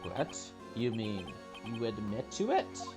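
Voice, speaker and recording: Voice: medium pitch, very animated, slow, a little mellow, soft background music. A person voicing an earnest, incredulous young male defence lawyer in a video game.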